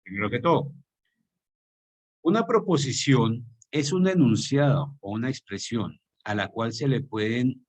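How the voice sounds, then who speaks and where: A man with a Colombian Spanish accent teaching a class over a video call. He explains each idea step by step and keeps putting questions to his students. His voice sits in a middle register. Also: medium pitch. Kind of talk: online class lecture.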